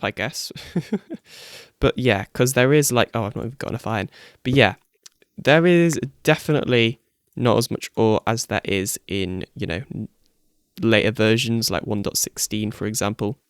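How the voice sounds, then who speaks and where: A gaming YouTuber, young and groggy-voiced in the morning, chats casually through a Let's Play at normal speed. His mid-range voice is smooth, the studio sound clean with no echo, and faint music plays as he rambles, corrects himself and chuckles often.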